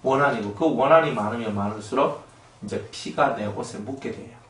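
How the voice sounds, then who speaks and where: A male pastor delivers an animated sermon, acting out short scenes and raising his voice to drive his points home. He sits at mid pitch and is heard from a distance. His voice rings through an echoey church hall. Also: fairly quick. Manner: animated, acts out voices and shouts for emphasis.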